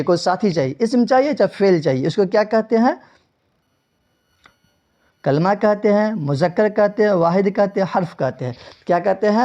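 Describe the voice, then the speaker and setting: A man's voice: sits high, darkish tone. A man teaching Urdu grammar for an exam, who asks rhetorical questions, repeats the answers and spells out English words letter by letter. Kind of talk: exam-prep grammar lesson. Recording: dull lo-fi recording.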